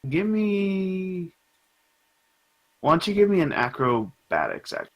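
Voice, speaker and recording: A young man runs a tabletop game in a loose, halting way, full of fillers. His voice sits at a middle pitch. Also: huge pitch swings, fairly bright tone, breathy edge, low-quality recording. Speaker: game master.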